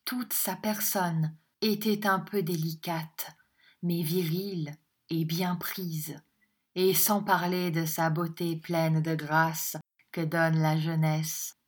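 A woman narrating a classic novel as an audiobook, in a measured, deliberate way. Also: deep voice, steady tone.

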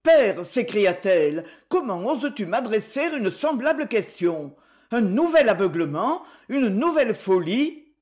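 A woman's voice: a little high, very animated, a little slow, hardly any pauses. A woman reading an audiobook, voicing a proud, desperate young woman who pleads with her rich father. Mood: indignant. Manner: pleading, raised and emotional.

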